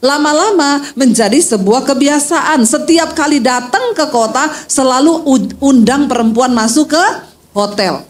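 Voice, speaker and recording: Woman pastor, high voice, lively storytelling sermon, outdoor crowd event, talks straight to listeners. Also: unhurried. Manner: animated, acts out quoted voices, addresses the crowd directly. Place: outdoor field gathering.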